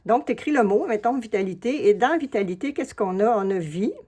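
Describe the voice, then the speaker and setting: Femme québécoise, tutoriel de bricolage. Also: female voice, fairly high pitch, animated, brisk, dark tone, slightly rough. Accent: Québécois French. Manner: chatty and familiar, explains each step while working. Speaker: collage artist and craft video host. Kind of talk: casual craft tutorial, addressing the viewer.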